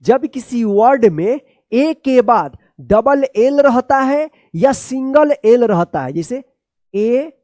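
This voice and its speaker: A woman teaching an English pronunciation lesson, spelling out letters slowly and repeating each word, often checking with her listeners. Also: fairly high pitch, mellow, dry recording, clean studio sound.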